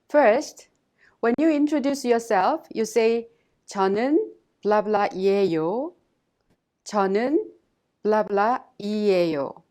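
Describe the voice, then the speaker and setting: A woman teacher giving a scripted language lesson in a measured, instructive way, pausing to model phrases for listeners to repeat. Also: on the high side, a little mellow.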